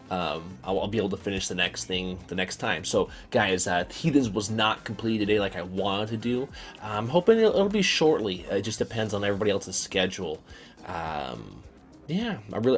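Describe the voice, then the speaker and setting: A young man talking casually in a vlog, rambling and repeating words with many fillers. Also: on the low side. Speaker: vlogger.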